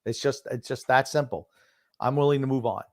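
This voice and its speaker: A man's voice: medium pitch, fairly quick, a little mellow, no room sound. Opinionated older man talking sports, dry close sound. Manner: reminiscing, repeats phrases for emphasis. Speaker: sports talk show host known as the grumpy old man. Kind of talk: casual opinionated sports commentary.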